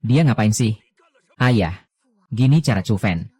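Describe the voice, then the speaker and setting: A man narrating an anime recap in casual slang, reading every character's lines in one steady voice. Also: lowish voice, a little slow, husky, dry recording.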